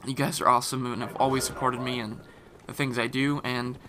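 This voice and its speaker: This man commentates on a game in voice-over, casual and meandering, with many fillers and restarts and a scratchy, irritated throat. His mid-range voice is flat and fairly quick, mixed over loud gunfire and explosions.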